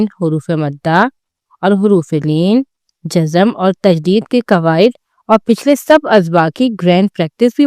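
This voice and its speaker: A woman's voice: lowish voice, darkish tone, clear, resonant tone, no room sound, studio quality. A woman hosting a Quran lesson channel, reading a scripted, encouraging wrap-up of the lesson. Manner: encouraging, praising the learners.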